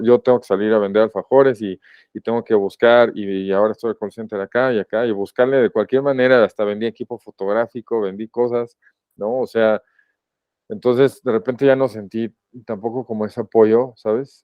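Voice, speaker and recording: A man with a Mexican accent, a podcast guest giving a personal account in a reflective, halting, emotional way. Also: fairly low pitch, smooth, no room sound, muffled recording. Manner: reflective, halting and emotional, often pausing to rephrase. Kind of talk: personal testimony in a podcast interview.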